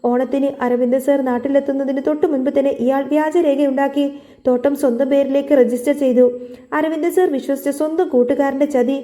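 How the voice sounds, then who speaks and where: An angry, loyal estate caretaker pours out his indignant charges, read out by a woman retelling a serial. The voice is high yet warm and dark. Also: fairly even intonation, a little fast.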